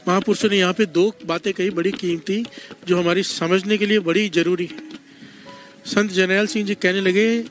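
A man preaching a devotional storytelling sermon, slow and deliberate, who keeps calling on the congregation to answer him. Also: high-pitched, steady tone, over music. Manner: call-and-response preaching, leads the congregation in responses.

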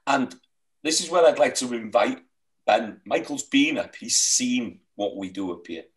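Heard from far off through a video-call webcam, a middle-aged man from Wales speaks in a mid-range voice with lively intonation and no hurry. Welsh is his first language, and as a sheep farmer guest he pours earnest, heartfelt passion into describing his hill farm, wandering and restarting as he goes.

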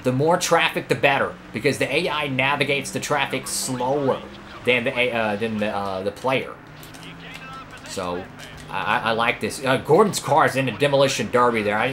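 A man commentating live over his own racing game career run, excitable and prone to sudden outbursts at other drivers and his car. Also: mid-range voice, moderate pace, slight background noise. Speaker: gaming YouTuber.

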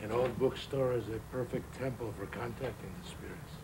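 An actor playing a pompous seance medium, solemnly and grandly invoking the spirits in a film drama. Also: male voice, mid-range voice, steady tone, fairly quick, noisy background, natural voice. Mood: solemn, grandiose. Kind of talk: theatrical film acting.

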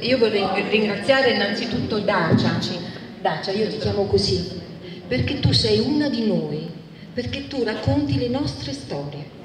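An older woman giving a short heartfelt tribute into a handheld microphone at a live event, emphatic and warm in her praise. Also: medium pitch, expressive, measured pace, a crowd in the background. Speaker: association representative giving thanks. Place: large indoor hall at a public book presentation. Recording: echoey hall from a distance with loud audience noise.

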